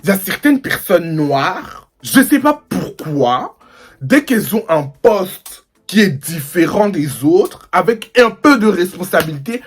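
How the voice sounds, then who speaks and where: A young man from the Paris suburbs telling a slangy, animated storytime to his viewers. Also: high-pitched, a little hiss or hum. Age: young adult. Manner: animated and slangy, mimics people. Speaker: vlogger. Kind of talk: storytime vlog.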